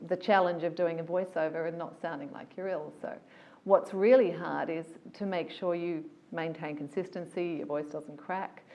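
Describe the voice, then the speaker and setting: A woman, a voiceover artist telling stories about her career in a casual, animated, enthusiastic interview. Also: on the low side, highs cut off.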